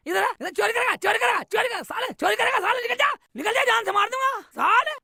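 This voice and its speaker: An actor playing a blustering, quick-tempered village snack seller who scolds and rants in a comedy film. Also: male voice, very high-pitched, expressive, vocal fry, bright, forceful tone, no room sound, clean studio sound, heavily acted. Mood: furious. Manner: hot-headed, scolding and ranting. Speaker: street vendor.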